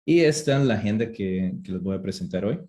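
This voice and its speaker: A man from Costa Rica giving a webinar lecture from a home office, talking haltingly with many fillers and restarts. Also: lowish voice, animated, mellow. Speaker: webinar speaker. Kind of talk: lecture presentation. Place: home office with two screens.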